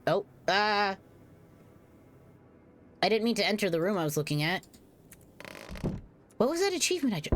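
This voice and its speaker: A young woman streamer at home, giving live game commentary, thinking out loud, animated and swearing freely. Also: sits low, noisy background. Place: home room.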